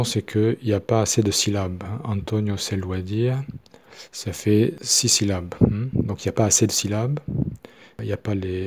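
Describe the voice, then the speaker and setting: A man explaining the syllable meter of a hymn, slow and methodical, with many fillers as he counts syllables aloud. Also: lowish voice, a little mellow, slightly rough. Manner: halting, with many "euh" fillers. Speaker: teacher of a hymn.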